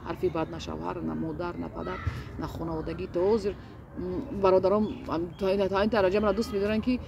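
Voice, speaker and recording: A woman's voice: lowish voice, flat delivery, gravelly, a crowd in the background. A woman, a guest in a casual interview, talking earnestly and hesitantly with many fillers and restarts.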